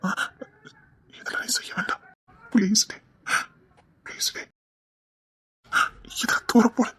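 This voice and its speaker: A man with a Tirunelveli accent playing a remorseful young husband, pleading in a hushed, tearful voice. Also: high-pitched, steady tone, brisk. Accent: Tirunelveli Tamil. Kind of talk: web drama acting.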